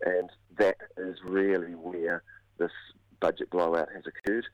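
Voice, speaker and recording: A New man with a low voice, croaky from a cold, explains politics in a radio interview. He is measured and halting, picking through his points. The audio is dry and somewhat dull. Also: level tone, no echo. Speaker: political commentator, university academic. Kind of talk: spoken analysis in a radio interview.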